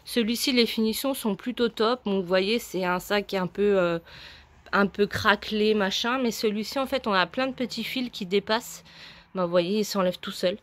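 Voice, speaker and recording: A woman's voice: mid-range voice, moderate pace, a bit bright. A young adult woman chatting casually in a haul video, a little out of breath, with many fillers as she shows items. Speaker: vlogger.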